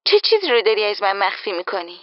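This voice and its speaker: A woman's voice: mid-range voice, big pitch swings, no echo, highs cut off, natural voice. A woman voicing a nosy, worried young friend in an audiobook, asking insistent anxious questions. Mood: curious. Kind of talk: audiobook character voice.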